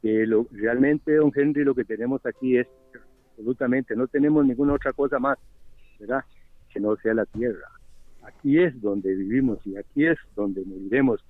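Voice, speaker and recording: A man's voice: medium pitch, no room sound. Costa Rican man, organic farmer, reflective, heard on a thin dry phone call. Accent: Costa Rican Spanish. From Costa Rica. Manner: earnest, reflective, unhurried. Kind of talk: phone interview. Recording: dry tinny phone line.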